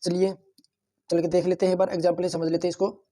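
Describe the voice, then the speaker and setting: A man's voice: high voice, level tone, fast talker, mellow. A man teaching shorthand, explaining each point patiently and repeating it, often addressing the viewers as friends. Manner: patient, repetitive, keeps calling viewers "friends". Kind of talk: classroom-style tutorial explanation.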